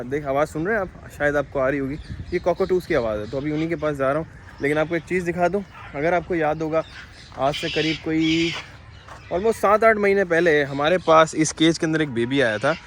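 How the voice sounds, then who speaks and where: A man vlogging at an outdoor zoo in a chatty, excitable way, talking to viewers and to the animals. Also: fairly high pitch. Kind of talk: casual vlog narration. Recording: noisy outdoor camera audio. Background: birds and animal calls.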